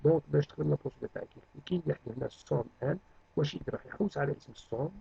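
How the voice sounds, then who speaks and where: Brief: male teacher, quick delivery, gravelly fry, lo-fi dull recording. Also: fairly high pitch, warm tone, no room sound. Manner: mixes French terms into Arabic speech. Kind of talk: programming lesson review.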